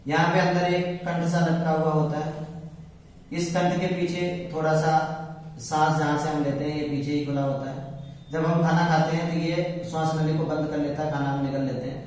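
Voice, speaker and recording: A man's voice: a little high, flat delivery, normal speed, darkish tone, a little hiss or hum. A man teaching an exam-prep grammar lesson, asking questions and answering them himself. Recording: echoey room, voice from far off.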